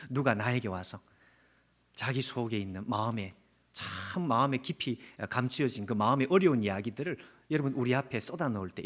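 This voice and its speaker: A man preaching a revival sermon as a pastor, earnest and questioning the congregation directly, sometimes dropping to a hushed near-whisper. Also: medium pitch. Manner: speaks Jeremiah's prayer as his own, dropping to a hushed near-whisper. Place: church sanctuary.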